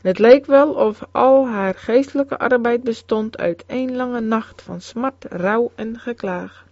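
A woman giving a solemn, measured scripted narration of a religious memoir. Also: fairly high pitch, darkish tone, dry recording. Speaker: reader. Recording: dull, dry close recording.

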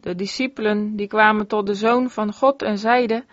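A woman reading an old-fashioned sermon aloud in an earnest, measured way. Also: mid-range voice, fairly even intonation, no room sound. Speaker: sermon reader. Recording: dull, dry lo-fi recording.

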